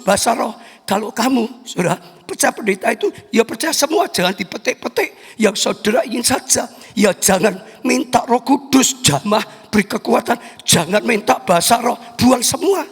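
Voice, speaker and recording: A high-voiced man preaching a sermon. His voice is husky and carries a long reverb from the church hall. He speaks to the congregation directly and puts on the voices of the people he quotes. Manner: addresses congregation as "saudara", acts out quoted family members. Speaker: pastor.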